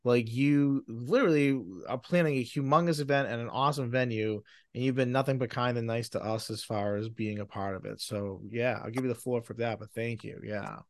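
A man's voice: medium pitch, fairly even intonation, no echo. A man with a Boston accent hosting a podcast, chatting casually with enthusiasm and praising his guest. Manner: enthusiastic, quick to praise, laughs often. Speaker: podcast host.

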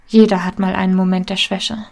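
A woman reading the lines of a dying male warrior, soft and faltering, partly whispered. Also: mid-range voice, level tone, fairly quick, vocal fry, natural voice. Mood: tender.

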